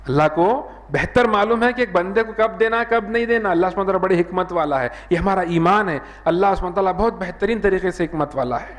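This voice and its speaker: Hyderabadi preacher with a higher male voice. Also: hardly any pauses. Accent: Hyderabadi Urdu. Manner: earnest, repeats "jo hai na" as a filler, raises his voice when acting out dialogue. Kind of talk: sermon.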